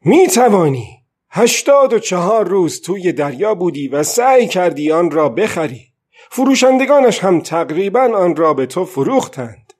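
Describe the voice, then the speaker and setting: A man's voice: mid-range voice, expressive, darkish tone, breathy edge. A man voicing an exhausted, stubborn old fisherman alone at sea in an audiobook, talking to himself between weary murmurs and defiant outbursts. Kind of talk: audiobook reading.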